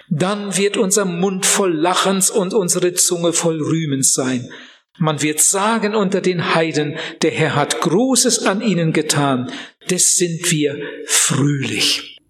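A middle-aged man preaching a sermon, earnest and measured, slowing down for emphasis and speaking straight to his listeners. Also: on the high side, a bit bright, big-room sound, slight background noise.

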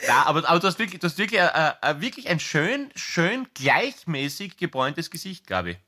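A teasing man, joking around in casual studio banter. His voice is bright and forceful, pitched a little high. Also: very animated, brisk. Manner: teasing, joking, repeats words.

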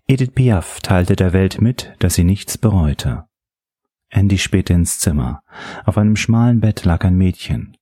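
A man narrating an audiobook in a measured, steady storytelling manner. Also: low-pitched, slightly rough, dry recording, clean studio sound.

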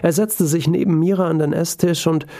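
A man narrating a story in an even, calm storytelling voice. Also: fairly high pitch, brisk, vocal fry.

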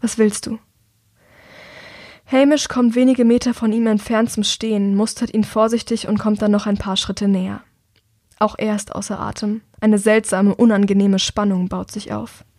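A woman reading a novel aloud in calm, measured scripted narration. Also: medium pitch, no room sound, clean studio sound. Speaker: audiobook narrator.

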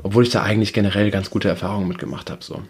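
A young man co-hosting a casual podcast, telling stories with animated energy. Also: fairly low pitch, racing, husky. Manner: animated storytelling, acts out quoted voices. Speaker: podcast co-host. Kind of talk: casual chat.

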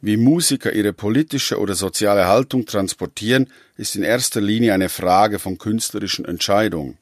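A man with a fairly low voice reads a radio feature script in a measured, even way. The sound is dry and close, with no room around it. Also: no echo. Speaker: narrator.

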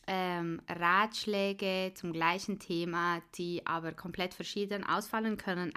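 In casual podcast chat, the young host from Switzerland speaks with a fairly low, slightly bright voice. A native Swiss German speaker, she's talkative, laughs a lot and leans on plenty of fillers.

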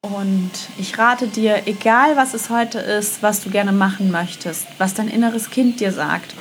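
A woman speaking directly to the listener in a motivational self-love monologue, gentle and affirming, often repeating her phrases and dropping in a soft "ja". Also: mid-range voice, unhurried, slight background noise. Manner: gentle, affirming, repetitive phrasing with many "ja" fillers.

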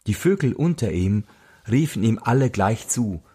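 A man reading a fairy tale aloud in an expressive, unhurried storytelling manner. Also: on the low side, breathy edge. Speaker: narrator.

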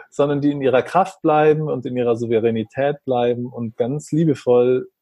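A man with a warm, medium-pitched voice, a steady tone and a moderate pace talks reflectively about being a father. In an earnest, conversational way, he describes how he treats his young son and acts out what passes between them, recorded with no echo.

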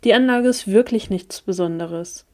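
A woman's voice: medium pitch, moderate pace, darkish tone, natural voice. A woman voicing a teenage girl cousin who brushes off questions in a casual, offhand way.

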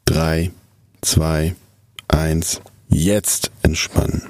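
In a dry recording, a man's rumbling low voice leads a scripted guided relaxation, calm and gentle. His instructions come out soothing, measured, and drawn out.

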